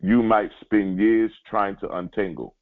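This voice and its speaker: A man giving a spiritual teaching, speaking directly to his listeners and repeating key lines slowly for emphasis. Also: on the low side, fairly even intonation. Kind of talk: sermon-like teaching. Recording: tinny phone-like line.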